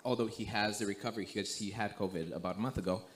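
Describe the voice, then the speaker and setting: A young man from Romania, a guest missionary, telling a story in a relaxed way, full of "like" and "you know". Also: fairly low pitch, rapid-fire, slight background noise. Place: church sanctuary.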